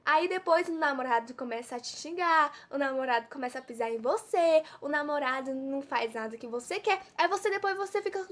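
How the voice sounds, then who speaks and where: Mineiro woman preaching casually, pretty high voice, keeps asking "you see?". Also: fairly quick, few pauses, fairly bright tone. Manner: preachy, full of rhetorical questions. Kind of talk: informal devotional sermon.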